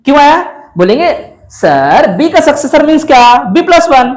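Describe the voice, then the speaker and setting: A man's voice: very high voice, big pitch swings, normal speed. Man teaching a math class. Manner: coaxing, questions students often. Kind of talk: classroom lecture.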